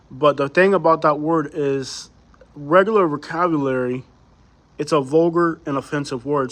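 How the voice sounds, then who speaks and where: A Cuban man, a native Spanish speaker, hosts a livestream in a fairly high, fairly bright voice. His chat is casual and conversational, packed with rhetorical questions as he answers live viewer comments.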